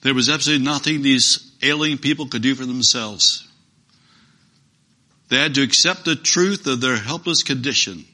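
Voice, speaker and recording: Bright-voiced earnest male preacher. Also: medium pitch, normal speed. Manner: earnest, emphatic, with repeated phrases for stress. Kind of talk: sermon.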